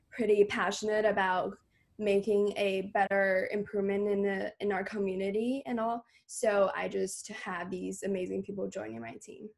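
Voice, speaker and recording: A teenage girl, a student who founded a bakery, speaking casually on a video call from her bedroom, with some hesitant fillers. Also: medium pitch. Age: teens. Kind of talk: casual interview. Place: bedroom at home. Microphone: video call webcam.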